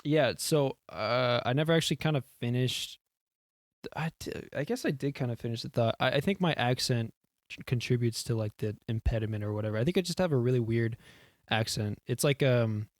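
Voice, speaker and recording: A young adult man from Houston, Texas, with a Texan accent co-hosts a podcast, leaning in to a desk mic as he rambles casually, laughing and swearing freely. His mid-range voice moves fairly quickly, and the recording is dry with clean studio sound.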